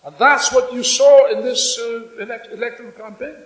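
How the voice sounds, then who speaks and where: An older man giving a fiery revolutionary speech at a stand microphone in a hall, speaking emphatically and deliberately with repetition and dramatic pauses. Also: extremely high pitch, fairly even intonation, fairly bright tone, distant mic. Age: 60s or older. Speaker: political speaker at a congress. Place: indoor hall before a seated audience. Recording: echoey hall public-address sound.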